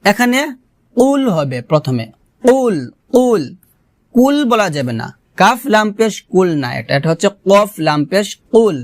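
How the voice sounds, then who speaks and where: High-voiced man drilling recitation sounds. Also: big pitch swings, no echo, studio quality. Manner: drawn-out chanted examples between quick explanations; corrective, repeats sounds many times. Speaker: Quran recitation teacher. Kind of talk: pronunciation lesson.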